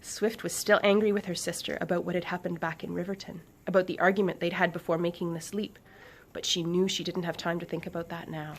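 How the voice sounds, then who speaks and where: A woman author reading her children's book aloud with expressive storytelling and dramatic pauses. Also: fairly low pitch, slight background noise.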